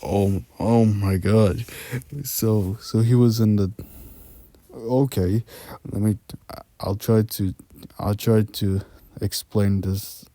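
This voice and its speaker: A man's voice: lowish voice, fairly even intonation, takes it slowly, long pauses, mellow, dry recording. A man reading a scary story aloud as its narrator, often stumbling, restarting words and adding asides to the listener.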